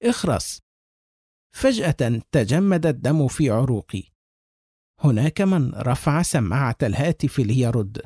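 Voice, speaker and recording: A man's voice: medium pitch, expressive, moderate pace, warm tone, breathy edge, no echo, studio quality. A man narrating a horror story with tense, suspenseful delivery.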